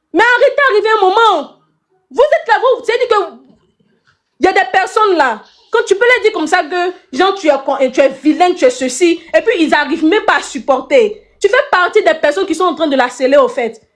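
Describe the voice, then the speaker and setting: Woman panelist, very high pitch, indignant scolding rant. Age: adult mother. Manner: indignant, scolding, repeats herself. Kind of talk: heated live panel rant.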